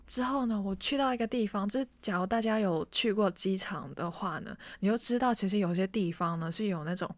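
A woman's voice: medium pitch, dry recording. Chatty woman telling a story, dry sound. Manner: chatty, animated, speaks straight to the listener. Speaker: vlogger. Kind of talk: casual storytelling to camera.

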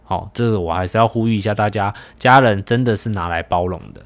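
A young man hosting a casual podcast chat, animated and teasing, swearing casually. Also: on the low side, fast talker. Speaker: podcast host.

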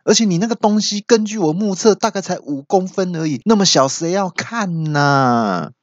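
A loud, grumpy old man snaps back indignantly, as a male podcaster acts him out. The sound is dull and lo-fi. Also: high-pitched, expressive, normal speed, dry recording, pitched above the performer's own voice.

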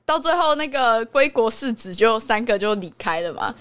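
A woman's voice: a little high, expressive, moderate pace, a bit bright, smooth. A young woman from Taiwan with a Taiwanese Mandarin accent, co-hosting a podcast in playful, giggly chat. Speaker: podcast co-host. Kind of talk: casual chat.

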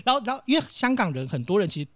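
Brief: Taiwanese Mandarin male host, fast, lively dramatic storyteller. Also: high voice, dry recording, clean studio sound. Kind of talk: casual chat, storytelling.

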